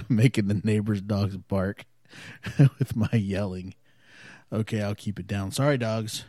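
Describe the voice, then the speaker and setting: A man with a dark, lowish voice and fairly even intonation takes his time, pausing often, as he hosts his own podcast from home by an open window. The chat is laid-back and meandering, with lots of fillers and chuckles, captured in a dry, studio-quality recording.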